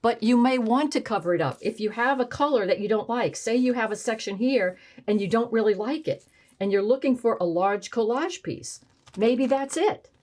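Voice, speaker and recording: A woman's voice: a little high, animated, moderate pace, a little mellow. A woman art teacher demonstrating collage on a painting, thinking aloud as she tries pieces in different spots. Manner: thinks aloud, musing and trying options.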